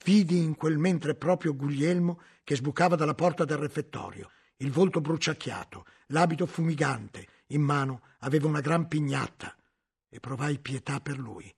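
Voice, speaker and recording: A man narrating a novel as an audiobook, in a measured, dramatic storytelling manner with a gravelly, husky voice. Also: on the high side, darkish tone.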